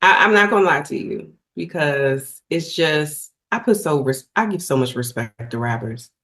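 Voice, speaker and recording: A middle-aged woman, a singer, talking as a guest in a casual interview, animated and effusive, often restarting her sentences. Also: deep voice, moderate pace.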